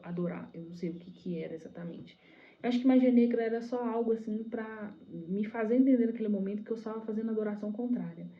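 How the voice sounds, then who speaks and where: A woman in her twenties with a Brazilian accent, telling a personal testimony in an animated, breathless way with many casual fillers. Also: on the high side, fast talker, lo-fi sound. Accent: Brazilian Portuguese. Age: 20s. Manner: animated, breathless retelling full of "tipo assim" fillers.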